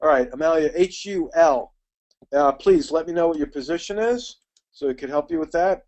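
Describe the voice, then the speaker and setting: A middle-aged man teaching a live trading webinar. He talks quickly and chattily and calls attendees by name. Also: on the high side, darkish tone.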